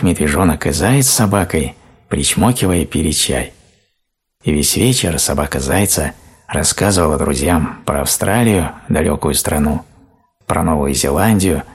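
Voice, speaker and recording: A man reading a fairy tale aloud in a slow, gentle, calm storybook narration. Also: a bass voice, husky.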